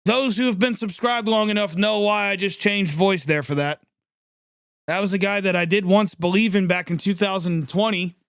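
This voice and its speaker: A man hosting a live sports reaction stream, calling the plays as they happen in an excitable, chatty way and reacting quickly to each one. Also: sits high, gravelly, no room sound, clean studio sound. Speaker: livestream sports reaction host. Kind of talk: live play-by-play reaction commentary.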